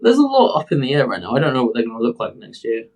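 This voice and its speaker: A man's voice: medium pitch, huge pitch swings, rapid-fire, darkish tone, poor audio. A British man co-hosting a casual sports podcast, rambling and hesitant with many fillers. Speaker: podcast co-host.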